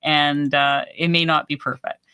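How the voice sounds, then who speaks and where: A woman's voice: sits low, little pitch movement, measured pace, bright, forceful tone, clear, resonant tone. A woman hosting a casual live stream who answers viewer comments in an encouraging way. She often restarts and repeats her words, and says she is losing her voice.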